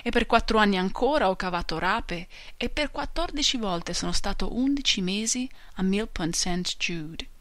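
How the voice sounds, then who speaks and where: A woman's voice: mid-range voice, animated, moderate pace, hardly any pauses, a bit bright, no room sound, natural voice. A woman voicing a very old, touchy male maltster who tallies his years emphatically, read from a storybook. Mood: boastful.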